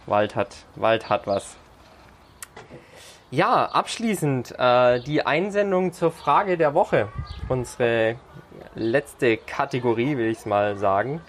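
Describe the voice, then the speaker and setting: A man's voice: medium pitch, lively intonation, slow, a little hiss or hum. A man hosting a sports podcast in casual chat, hesitant with many fillers. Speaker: podcast host.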